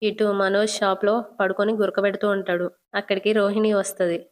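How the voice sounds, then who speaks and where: A woman's voice: mid-range voice, level tone, a little fast. A woman with a Telugu accent recapping a TV serial episode, telling the scenes and lightly voicing the characters' quoted lines.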